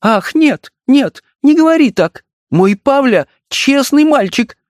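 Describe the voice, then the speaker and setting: A man voicing a theatrical, fussy young society wife in a spoken story, with a shrill, wheedling, put-on alarm. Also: expressive, slow, in a large hall, full character voice.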